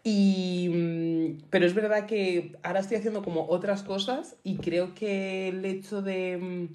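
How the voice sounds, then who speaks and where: A woman's voice: mid-range voice, fairly even intonation, darkish tone. A young woman co-hosting a casual podcast chat, playful and joking. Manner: playful, joking, quick to laugh. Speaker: podcast co-host. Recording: echoey room.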